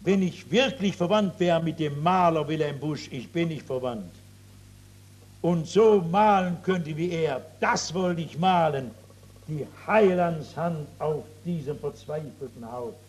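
Addressing a seated crowd, a man with a fairly high pitch preaches an evangelistic message, asking rhetorical questions and swinging from loud exclamations to quiet, stretched-out emphasis.

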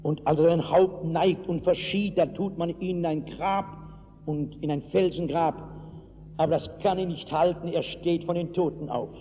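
A male pastor preaches with a high, ringing voice and forceful, storytelling emphasis. The recording is thin and tinny, carrying a long echo from a large hall. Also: steady tone, moderate pace. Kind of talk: sermon. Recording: echoey hall, tinny lo-fi line.

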